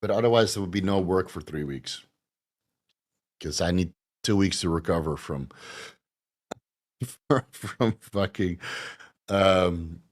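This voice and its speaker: Low-voiced man answering livestream questions. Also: slow, pauses often. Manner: reads out chat questions, then explains at length with fillers. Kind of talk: casual livestream Q&A. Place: at home.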